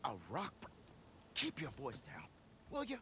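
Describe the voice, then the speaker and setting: Blustering petty crook, wildly animated. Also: male voice, fairly high pitch, unhurried, background noise. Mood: scheming, wheedling. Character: blustering, scheming male chief delver and expedition leader. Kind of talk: video game character acting.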